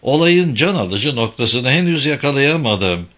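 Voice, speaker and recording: A man's voice: medium pitch, expressive, a little slow, a bit bright. A man reading an audiobook voices a confident young woman journalist who teases her companion. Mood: teasing, self-assured. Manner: teasing and self-assured.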